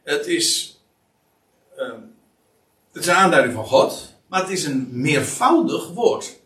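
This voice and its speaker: A man's voice: fairly high pitch, very animated, slow, fairly bright tone. A man explaining a Bible passage in a hesitant, exploratory way, with frequent fillers and restarts. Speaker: Bible teacher. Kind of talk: explanatory Bible study talk. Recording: echoey room, distant mic.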